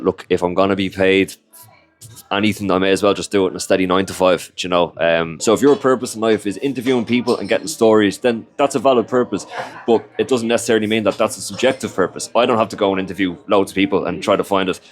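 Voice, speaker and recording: With soft music playing behind him, a young Irishman whose first language is Irish rambles through a casual interview, peppering his speech with "like" and "you know." His voice sits low, his tone is steady, and he talks quickly.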